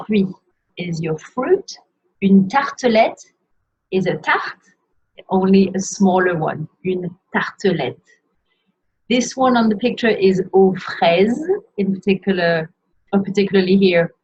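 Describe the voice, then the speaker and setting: A woman teaching French pronunciation in a video lesson, slowly modelling each word for learners to repeat. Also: medium pitch, darkish tone, husky. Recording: dull lo-fi sound.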